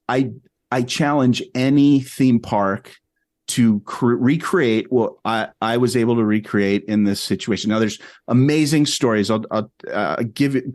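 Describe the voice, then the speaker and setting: A man, a podcast guest, telling a story in an animated, rambling way with many restarts. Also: mid-range voice, dry recording, clean studio sound. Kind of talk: casual storytelling.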